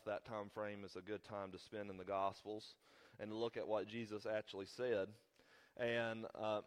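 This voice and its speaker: A man preaching a sermon as the pastor while sick, with rambling, joking asides. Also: lowish voice. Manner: rambling, self-deprecating asides. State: sick, under the weather. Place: church sanctuary.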